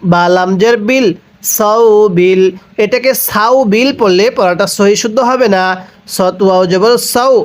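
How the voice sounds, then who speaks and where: A man teaching Quran reading, with a Bangladeshi Bengali accent, who spells out each syllable and chants the verses in long drawn-out tones. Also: high voice, clear, resonant tone. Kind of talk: slow spelled-out Quran recitation lesson.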